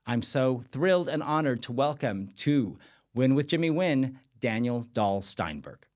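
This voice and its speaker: A man's voice: medium pitch, very animated, measured pace. A man in his fifties, born in Vietnam and raised in the United States, hosting an interview with polished introductions and questions. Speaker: host. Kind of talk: interview host.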